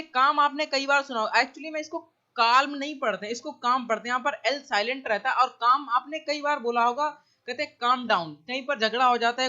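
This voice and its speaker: A man teaching English vocabulary in an online exam-prep lecture, speaking with a Hindi accent and explaining each word slowly, checking in with his listeners again and again. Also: extremely high pitch, bright, forceful tone, highs cut off.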